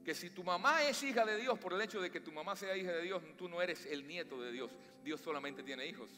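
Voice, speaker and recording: A high-voiced, bright Latin American pastor preaching fervently to his congregation, swinging between loud climbs and slow, stressed lines. His voice rings with a long church reverb, and soft music plays underneath. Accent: Latin American Spanish. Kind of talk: sermon. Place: church sanctuary.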